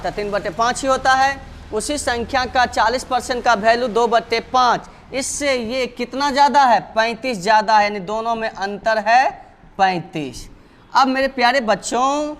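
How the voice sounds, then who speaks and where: A man's voice: very high voice, a bit bright. A male math teacher explaining problems step by step, going over each step twice and often calling his students dear children.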